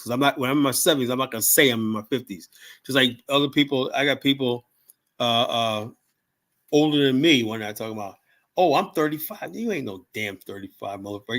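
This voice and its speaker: On his livestream, a septuagenarian host talks at medium pitch and a quick pace, his voice a bit bright. The casual monologue wanders, stays blunt, is full of swearing, and is peppered with "you know?"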